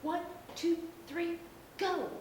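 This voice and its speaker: A woman voicing an excitable, curious little girl pig while reading a storybook to a toddler, exclaiming breathlessly. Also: moderate pace. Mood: excited. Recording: echoey room, distant mic, noisy rumble.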